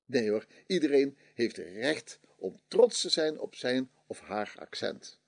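A male language columnist from the Netherlands reads his radio commentary at an unhurried pace. His pitch swings widely as he argues his opinions and poses pointed rhetorical questions. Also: very animated, gravelly.

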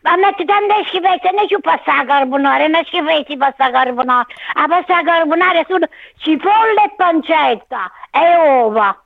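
A high, piping older woman comes through a tinny landline phone. She calls in to a talk show and speaks in an emphatic, opinionated way. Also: animated, normal speed, vocal fry. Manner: emphatic, opinionated about cooking. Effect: over a landline phone. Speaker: caller.

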